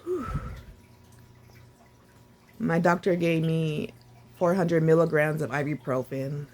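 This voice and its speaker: A woman vlogging casually about her recovery, sore and short of breath, with a sore throat, talking haltingly with sighs and restarts. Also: low voice, a little mellow. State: sore and winded after surgery.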